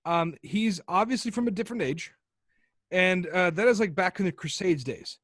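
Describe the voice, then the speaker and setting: A man's voice: high-pitched, expressive, normal speed, a bit bright, no echo, clean studio sound. A man co-hosting a casual podcast chat, rambling and swearing as he tells a story and acts out the people in it. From United States. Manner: rambling, profane storyteller who acts out quoted characters. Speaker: podcast co-host.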